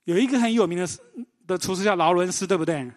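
A man with a fairly high voice preaches a sermon, telling stories with animated energy and tossing questions to the congregation. His voice rings out with a long reverberant tail, as in a large church hall. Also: fast talker. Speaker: pastor.

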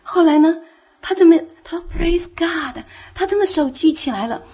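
A woman's voice: very high voice, lively intonation, moderate pace, dark tone. A woman giving a heartfelt personal testimony in church, telling her story earnestly and growing fervent. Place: church, speaking from the front.

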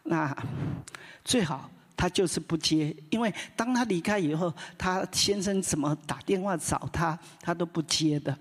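A woman pastor preaching in a relaxed storytelling manner, often ending phrases with a soft "ha". Her voice is husky and a little breathy. The sound rings with the long reverb of a big hall. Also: fairly low pitch, moderate pace. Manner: conversational, tags phrases with a soft "ha"; lively retelling with many restarts. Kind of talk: sermon storytelling.

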